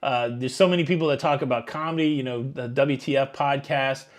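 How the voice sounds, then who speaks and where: A man around fifty who hosts a YouTube cruise channel reads super chats aloud in a live Q&A and answers in a rambling, talkative style with many fillers. He speaks fairly quickly in a medium pitch with fairly even intonation.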